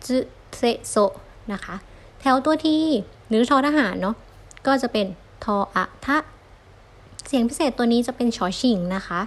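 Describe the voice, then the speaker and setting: A young woman giving a friendly online lesson, patiently sounding out syllables one at a time for learners. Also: a little high. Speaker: Japanese language teacher.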